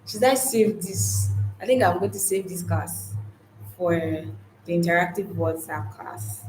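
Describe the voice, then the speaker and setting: A woman with a fairly low voice teaches a live online class, chatty and informal, often restarting her words as she goes. The room is roomy and echoey. A faint hum of ambience sits behind her. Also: a little mellow. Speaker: online course instructor. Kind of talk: live-streamed lesson, casual.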